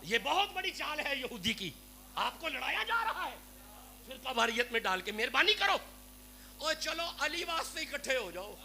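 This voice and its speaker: A man's voice: very high-pitched, very animated, vocal fry. A Pakistani man with a Punjabi accent preaching a devotional sermon to a gathering, fervent and pleading as he addresses his listeners directly. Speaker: Sufi preacher. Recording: noisy live recording with hum.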